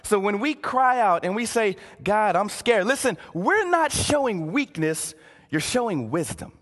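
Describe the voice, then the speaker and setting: Earnest male preacher, high voice with a wide swing, repeats himself for emphasis, sermon in a big echoing hall. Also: sing-song, a little slow, a bit bright. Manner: earnest, repeats words and keeps saying "listen". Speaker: pastor. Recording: long hall reverb.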